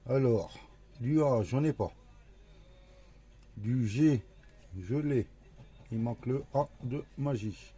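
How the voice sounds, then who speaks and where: A man's voice: medium pitch, warm tone, breathy edge. A man commenting casually to himself as he scratches a lottery ticket, going through it letter by letter. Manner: slow, talking to himself, letter by letter. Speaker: scratch-card vlogger.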